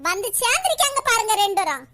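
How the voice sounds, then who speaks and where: A woman's voice: very high-pitched, sing-song, fast, noisy background. A woman voicing a scheming older village mother-in-law in a cartoon, scolding bluntly with a Kanyakumari Tamil accent. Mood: angry scolding. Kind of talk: cartoon voice acting.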